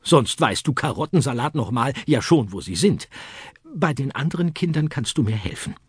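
A man doing a high, bossy Easter Bunny. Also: expressive, moderate pace, husky, no echo, clean studio sound. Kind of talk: children's audiobook acting.

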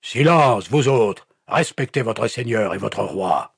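A man voicing a furious Lutheran pastor who shouts bullying demands at a prisoner in an audiobook. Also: on the low side, expressive, slow pace, gravelly, slightly rough, no echo, clean studio sound, voice pushed up, exaggerated voice. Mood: furious shouting. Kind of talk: audiobook character voice.

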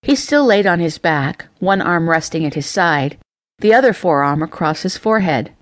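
Gentle woman narrating a storybook romance. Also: on the low side, lively intonation, normal speed, no echo. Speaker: audiobook narrator. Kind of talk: scripted narration.

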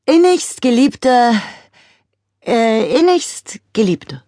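Woman doing a deadpan young girl. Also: fairly high pitch, drawn-out words, no room sound, clean studio sound, pitched above the performer's own voice, heavily acted. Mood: deadpan, consoling. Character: dry-witted, clumsy young girl.

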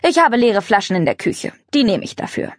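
A woman's voice: a little high, big pitch swings, brisk, no echo, studio quality. A woman voicing a proud, plainspoken old grandfather who runs a farm, in a children's storybook reading. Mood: earnest. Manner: gruff, plainspoken. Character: kindly old grandfather farmer, stubborn and proud.

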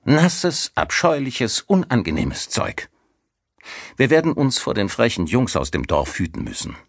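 A man's voice: rumbling low, very animated, normal speed, gravelly, a bit bright, no echo, studio quality, voice pushed down, heavily acted. A man voicing a grumpy young man who complains in mock disgust, in an audiobook. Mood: grumbling. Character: grumpy young man in an armchair, hates snow.

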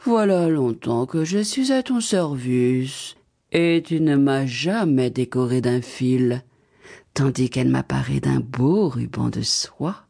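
Low, slow talking tree, voiced by a woman narrator. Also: creaky, mellow, exaggerated voice. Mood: aggrieved.

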